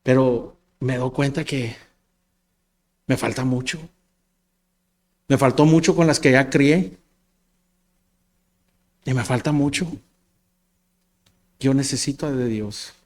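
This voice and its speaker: A man's voice: medium pitch, takes it slowly, long pauses, a little mellow. Man in his forties preaching. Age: 40s. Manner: conversational, self-deprecating, storytelling with stumbles and repeats. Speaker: pastor. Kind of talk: sermon.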